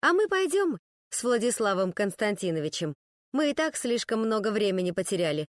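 A woman's voice: mid-range voice, very animated, brisk, no room sound, studio quality, lightly acted. A woman voicing a spoiled, glamorous young wife who purrs and speaks with sarcasm in an audiobook. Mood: sarcastic. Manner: breathy, purring.

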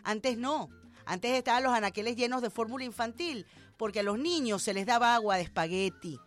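A woman's voice: fairly high pitch, brisk, soft background music. A Venezuelan woman hosting a radio show, giving emphatic, indignant commentary with sarcastic asides. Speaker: radio host.

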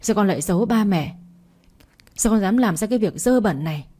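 A woman's voice: mid-range voice, expressive, fairly quick, mellow, natural voice. A woman reading as a shocked, reproachful older mother.

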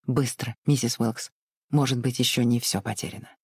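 A reader voicing a composed gentleman in an audiobook, brisk and urgent. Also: medium pitch, steady tone, husky, dry recording, studio quality. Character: cool, composed Southern gentleman. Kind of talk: audiobook reading.

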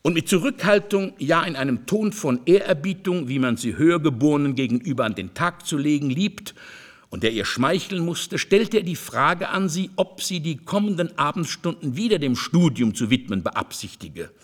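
A man narrates classic literary fiction in a measured, expressive way. His voice sits slightly high and moves in lively melodic curves. It is steady audiobook storytelling.

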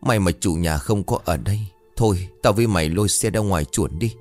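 A man's voice: low voice, fairly quick, a little mellow, soft background music, natural voice. A man voicing a cocky, clumsy young male driver with a brash manner. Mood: scheming.

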